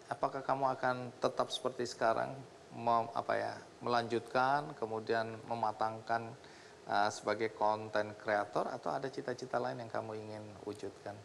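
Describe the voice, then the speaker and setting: A man's voice: medium pitch, fairly even intonation, moderate pace, vocal fry, slight background noise. Male talk show host asking questions. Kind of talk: interview questions.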